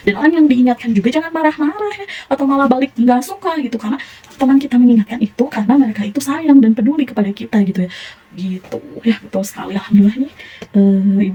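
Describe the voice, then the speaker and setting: A young Indonesian woman with a Sundanese accent teaches a primary school class, often encouraging and praising her pupils. Her voice is fairly high, mellow and slightly rough, and the recording itself is rough.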